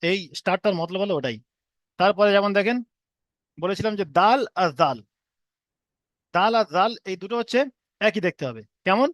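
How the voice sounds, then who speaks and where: A man's voice: sits high, animated, normal speed, pauses often, a bit bright, dry recording. A man teaching an online class, patiently repeating and drilling each letter sound for his students.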